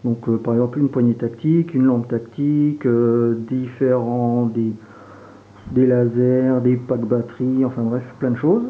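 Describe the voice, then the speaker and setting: Relaxed Franche-Comté man on tinny audio. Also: medium pitch, measured pace. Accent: Franche-Comté French. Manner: relaxed, hesitant, many fillers while handling gear. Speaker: airsoft reviewer. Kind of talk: casual product unboxing and demo. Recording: tinny phone-like sound, faint hiss.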